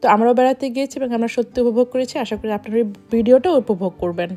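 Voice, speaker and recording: A woman's voice: a little high, racing, dark tone, faint music behind. A woman from Bangladesh, a travel vlogger, narrating a voice-over in a reflective, explanatory way.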